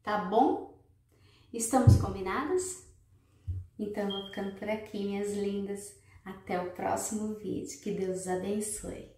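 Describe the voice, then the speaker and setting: A woman's voice: mid-range voice, fairly even intonation, measured pace, mellow, recorded from a distance, a little hiss or hum. A Brazilian woman vlogger giving relationship advice to her viewers in an emphatic, scolding way. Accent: Brazilian Portuguese. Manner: emphatic, scolding, keeps addressing listeners as girls. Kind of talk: casual advice monologue to viewers. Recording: very echoey room, away from mic.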